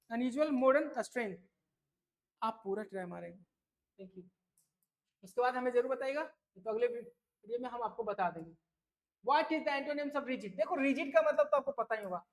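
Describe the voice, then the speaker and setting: High-voiced chatty male tutor. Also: fairly bright tone. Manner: chatty, repeats "है ना?" and "ठीक है" to check in. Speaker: English exam tutor. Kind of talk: casual tutoring lesson.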